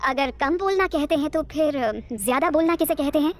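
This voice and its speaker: A woman's voice: high-pitched, a little fast, close to an everyday voice. A woman voicing an irritated young male boss, incredulous and exasperated.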